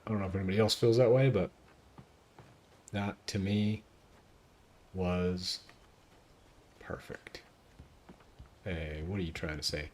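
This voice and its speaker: A man streaming a video game, giving excitable, chatty commentary to his chat. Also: deep voice, normal speed, pauses often, slight background noise. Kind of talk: casual gameplay commentary.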